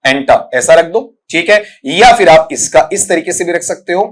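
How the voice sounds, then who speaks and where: A man's voice: fairly high pitch, moderate pace. A man with an Indian accent teaching English pronunciation for exam prep, breaking words into sounds step by step and calling his students "beta". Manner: explains step by step, often addresses students as "beta".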